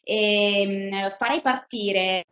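A woman's voice: medium pitch, extremely slow, fairly bright tone. A young woman in marketing presenting a company to an audience, speaking hesitantly with many fillers. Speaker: marketing manager. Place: large indoor hall. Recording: echoey hall, dull lo-fi sound.

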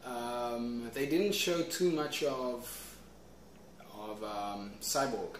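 A man co-hosting a casual movie news chat, easygoing and quick to chuckle, mostly giving short replies. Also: medium pitch, a little hiss or hum. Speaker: co-host. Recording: echoey room, distant mic.

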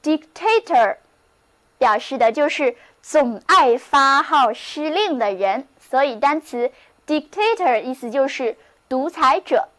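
A woman's voice: high-pitched, animated, takes it slowly, fairly bright tone. A woman teaching English vocabulary in a scripted lesson, spelling words letter by letter and reading example sentences aloud.

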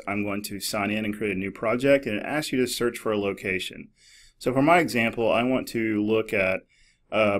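A middle-aged man narrating a screen-recorded tutorial in a relaxed, explanatory way, with many fillers and restarts. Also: medium pitch. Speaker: librarian demonstrating a database. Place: office.

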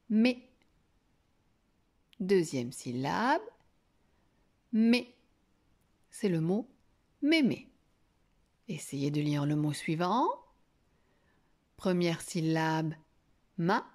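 A woman teacher leads a reading lesson for small children, drawing out each syllable at an unhurried pace. Her voice sits a little low and sounds soft and mellow. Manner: slow, drawn-out sounding of syllables.

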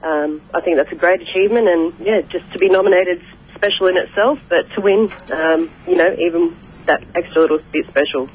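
A woman's voice: on the low side, expressive, fairly quick, slightly rough. A woman speaking by telephone in a radio interview, polite and hesitant with many fillers. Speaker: sports club representative. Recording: muffled phone line.

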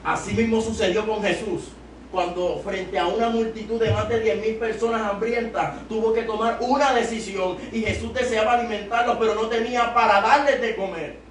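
At the pulpit of a small church, a young adult preacher from Puerto Rico urges on a youth service through a handheld mic. He has a high voice, a steady tone, normal speed and a Puerto Rican Spanish accent, building to loud emphatic high points. The distant camera picks up a noisy, echoing room.

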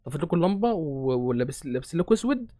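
A man's voice: on the high side, very animated, very fast, warm tone, no echo, clean studio sound. A young Egyptian man hosting a horror game playthrough, rambling and joking nervously. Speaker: gaming host.

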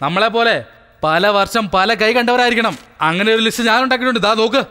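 A man's voice: very high voice, fast, pushed and bright, smooth, big-room sound. An actor dubbing a blustering, bossy male politician in a film scene. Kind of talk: dubbed film acting.

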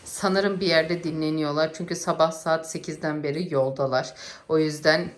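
A woman's voice: low voice, steady tone, moderate pace. A woman talks casually to her vlog audience. She addresses viewers directly as a family vlogger.

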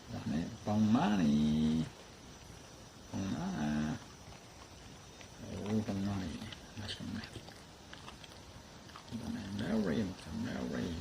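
Man, gravelly voice, lively swooping pitch, cooing baby talk to his dogs. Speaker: dog owner vlogger. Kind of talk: casual talk to pets. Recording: clear background noise.

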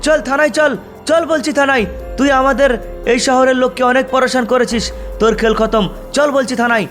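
A bossy police officer from a game video barks orders in a high, strained voice. A man acts him out. Faint music plays underneath. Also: steady tone, fairly quick, fairly bright tone. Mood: commanding. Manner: commanding, barking orders. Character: bossy male police officer making an arrest.

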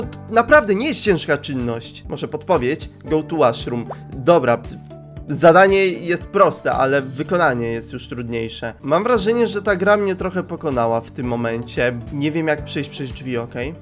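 A young man giving comic commentary while playing a game, excitable and squealing high when surprised. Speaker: gaming youtuber. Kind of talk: comic let's play commentary.

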